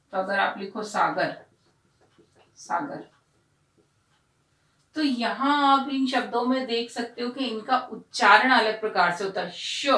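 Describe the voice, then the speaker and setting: A woman teaching a primary school lesson, explaining slowly and repeating words so children hear the pronunciation. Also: fairly high pitch, fairly bright tone. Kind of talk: classroom lesson. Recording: echoey room, voice from a distance.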